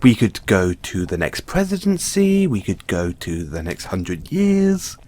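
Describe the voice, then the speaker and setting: In an audio roleplay, a man plays a giddy, affectionate mad scientist boyfriend, theatrical and excitable as he coaxes the listener along. His voice is fairly low and unhurried, the mood playful and loving.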